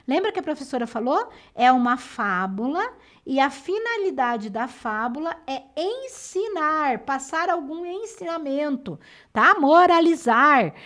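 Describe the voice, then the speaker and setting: High-voiced Brazilian woman teacher. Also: fairly bright tone. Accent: Brazilian Portuguese. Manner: clear, patient explaining, slows down to stress syllables. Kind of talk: lesson going over exam answers.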